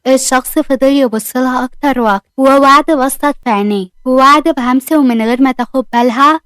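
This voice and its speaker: A woman storyteller with an Egyptian accent rushes through the narration in a high, quick voice. The sound is dry and close, with no room around it. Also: a bit bright, clean tone, no echo.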